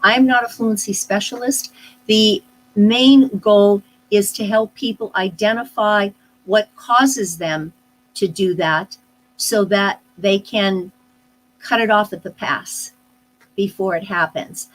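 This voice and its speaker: A speech-language pathologist, appearing as a guest on a live online interview, explains things casually. Her medium-pitched voice comes through poor audio, and she's thoughtful, pausing between phrases with frequent "uh"s and restarts.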